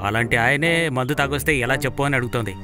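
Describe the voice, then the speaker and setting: An actor dubbing a young man who hosts a family ceremony, brisk and reassuring, in film dialogue with music behind. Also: mid-range voice, natural voice.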